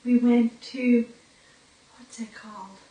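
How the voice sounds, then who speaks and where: Woman in her forties, documentary interviewee, slightly high, flat delivery, recorded in a very echoey room. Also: distant mic. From Newfoundland, Canada. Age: 40s. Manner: slow, halting, with pauses and fillers. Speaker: brain injury survivor telling her story.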